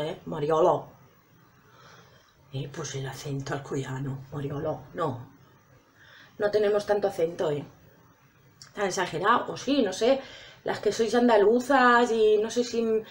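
A woman chatting casually to her viewers while trying out makeup. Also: fairly high pitch. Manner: chatty, addresses viewers directly. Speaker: makeup vlogger.

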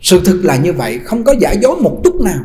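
A man, a Buddhist monk preaching a sermon in a lively storytelling manner with frequent repetition. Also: high-pitched, quick pace. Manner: lively storytelling, repetitive, laughs at own jokes. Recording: long hall reverb.

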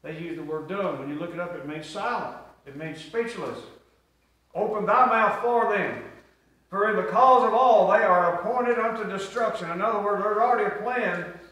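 A bit bright and sitting high, a middle-aged man's voice moves at normal speed as he preaches, drawing responses from his congregation. He's the pastor of a small church sanctuary, heard from far off amid echo.

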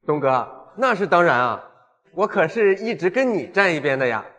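A sneering turncoat lackey in a short drama. His voice sits fairly high, oily with flattery, and echoes in a long reverb. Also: moderate pace. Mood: sly flattery. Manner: obsequious, sneering. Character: fawning, sneering male turncoat sidekick to a villain.

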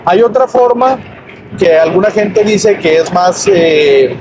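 A man's voice: sits high, slow pace. A Mexican man giving a patient, repetitive language lesson while driving, with road noise around him. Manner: patient, repeats each word in both languages. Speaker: language teacher. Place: inside a car on a highway. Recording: car interior with road noise. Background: road and engine noise.

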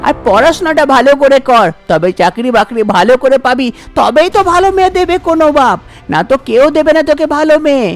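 A woman's voice: high voice, lively intonation, quick pace, soft background music, voice pushed up. A woman voicing a scolding middle-aged mother in a cartoon, exasperated and lecturing.

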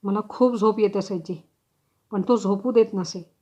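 A woman voicing a frightened, guilt-stricken young mother confessing in halting words, on a slightly dull recording. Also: mid-range voice, fairly even intonation, dark tone, lightly acted.

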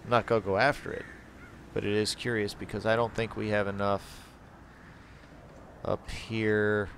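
A man giving casual gameplay commentary, reading item text aloud and thinking out loud as he sorts his party. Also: fairly low pitch, little pitch movement, normal speed, a little hiss or hum. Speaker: gaming channel host.

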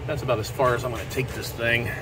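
A middle-aged American man who hosts a car repair channel gives casual, dryly humorous commentary while working hands-on outdoors beside a car. He talks fast in a medium-pitched, level voice, and the outdoor recording is clearly noisy.

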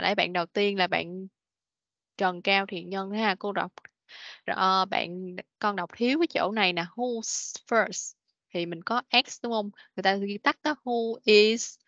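A woman's voice: medium pitch, fairly bright tone, dry recording. Woman, English teacher, online class, patient, repeats words, video call recording, muffled lo-fi, dry. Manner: patient, repeats words slowly, frequent "rồi, ok". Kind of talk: online class, correcting pronunciation. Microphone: video call meeting recording. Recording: dull, dry lo-fi meeting recording.

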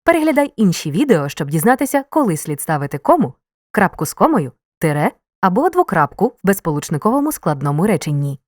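A woman narrating a scripted grammar lesson, reading example sentences in a clear, measured way with marked intonation. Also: lowish voice, very animated, dry recording.

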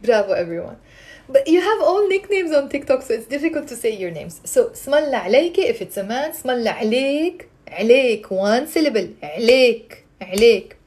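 A Lebanese-accented woman in her thirties teaches a language informally on a live stream, speaking fast in a high voice. She's encouraging and animated, carefully repeating words for viewers. She's in a small room at home, with her phone held at arm's length.

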